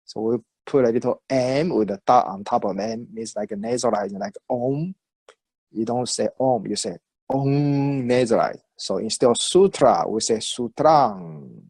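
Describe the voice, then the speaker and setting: A man teaching a dharma lesson, explaining terms patiently with fillers and chanting titles slowly. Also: mid-range voice, darkish tone, breathy edge, no echo, low-quality recording. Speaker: meditation teacher.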